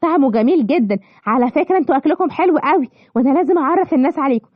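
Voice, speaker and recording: A woman's voice: high-pitched, lively intonation, racing, no room sound. A woman with an Egyptian accent voicing a pleased woman customer, munching and delighted. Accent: Egyptian Arabic. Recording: dull lo-fi, clear background noise.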